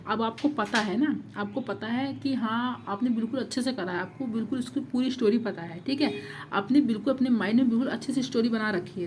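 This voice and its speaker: A woman's voice: fairly high pitch, darkish tone, a little hiss or hum. A woman teacher giving an exam-prep lecture, repeating points and asking rhetorical questions. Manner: repetitive, rhetorical questions, frequent 'thik hai'.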